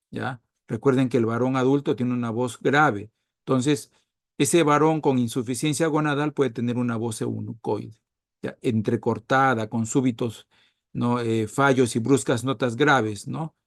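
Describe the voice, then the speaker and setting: A man's voice: mid-range voice, fairly even intonation, unhurried, gravelly, no room sound, studio quality. A man giving a recorded medical lecture, checking on his listeners with frequent tag questions and stressing key words.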